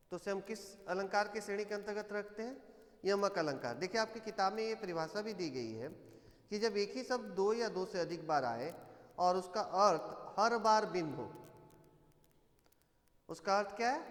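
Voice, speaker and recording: High-voiced man teaching Hindi, echoey. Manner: explains step by step, asking and answering his own questions; slows down to recite verse examples. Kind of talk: live online class lecture. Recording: echoey room with long reverb.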